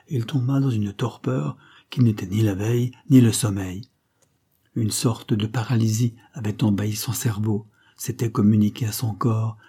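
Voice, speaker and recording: A man narrating a classic novel as an audiobook, in a measured, dramatic storytelling manner. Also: on the low side, dark tone, husky. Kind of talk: scripted literary narration.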